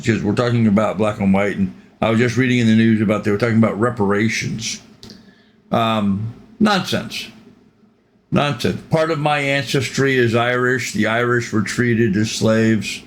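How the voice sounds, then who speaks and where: A man's voice: medium pitch, normal speed. An older man hosting a reaction channel, giving rambling, opinionated commentary with frequent ums.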